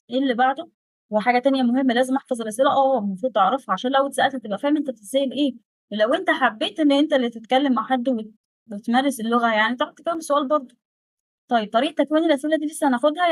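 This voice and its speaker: Egyptian woman in her twenties, quick and chatty language teacher, rather high voice, dry close sound. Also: dry recording. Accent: Egyptian Arabic. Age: 20s. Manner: lively, quick, chatty and direct, slows right down to spell out German phrases. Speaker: German teacher. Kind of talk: casual Egyptian Arabic lesson.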